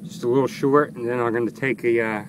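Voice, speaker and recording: A man's voice: medium pitch, steady tone, fast talker, slight background noise, low-quality recording. A man casually narrating a how-to project in his backyard, talking plainly through each step with fillers, at times out of breath from digging. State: tired, catching his breath. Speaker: amateur radio hobbyist, DIY video maker. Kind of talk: casual how-to narration while working outdoors. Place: backyard outdoors.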